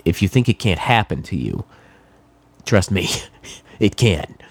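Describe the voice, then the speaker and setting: A middle-aged man from New England, stuffed up with a cold, delivers a rambling, filler-heavy monologue in a casual, wryly sarcastic way. His low voice is very animated and slightly rough, moving at a measured pace.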